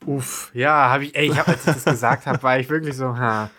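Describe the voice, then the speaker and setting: A man's voice: mid-range voice, steady tone, a little fast, sharp tone. A man co-hosting a podcast, chatting informally with a lot of slang. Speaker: podcast co-host. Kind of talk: casual chat.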